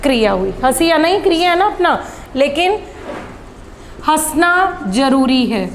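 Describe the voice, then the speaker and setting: High-voiced woman teaching a grammar lesson. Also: very animated, measured pace, big-room sound, a little hiss or hum. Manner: asks questions and answers them herself.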